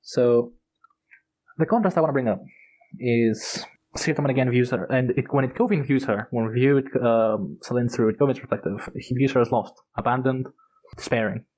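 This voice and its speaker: A man's voice: medium pitch, normal speed, darkish tone, poor audio. A man co-hosting a podcast, retelling book scenes in a casual, rambling and enthusiastic way, with lots of fillers and the odd swear word. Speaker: podcast co-host.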